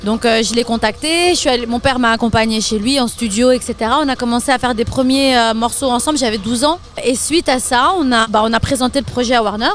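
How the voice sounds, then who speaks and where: A young French woman talking casually about her career in an interview, chatty and quick to laugh. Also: fairly high pitch. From France. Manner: lively, laughs often, chatty with fillers. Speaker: interview guest, singer and DJ.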